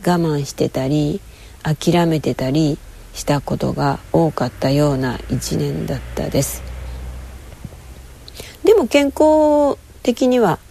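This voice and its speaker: A woman chatting casually to camera, rambling and telling a story with lively, acted-out quoted voices. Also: sits low, vocal fry. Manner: lively, rambling, with frequent fillers.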